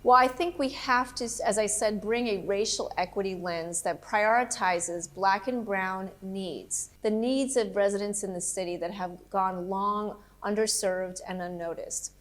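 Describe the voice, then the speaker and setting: A middle-aged woman from Colombia, a political candidate, answering interview questions in an earnest, steady, policy-focused way. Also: mid-range voice, unhurried, hardly any pauses.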